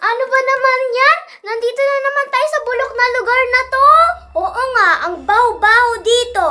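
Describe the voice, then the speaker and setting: A whiny, spoiled cartoon stepsister, played by a woman with a very high, bright voice. She sounds disgusted and talks fast as she complains. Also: faint music behind.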